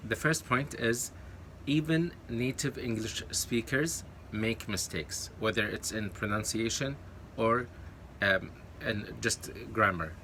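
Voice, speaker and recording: Slightly low, sharp in tone, and slow with few pauses, this Kuwaiti YouTuber's voice comes through over slight background noise. An Arabic speaker by birth, he offers casual, encouraging advice to camera and often uses fillers and corrects himself.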